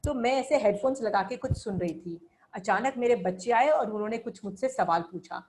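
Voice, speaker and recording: A woman's voice: on the high side, normal speed, darkish tone, low-quality recording. A middle-aged woman giving an earnest religious lecture, mixing Hindi and English and teaching through personal anecdotes.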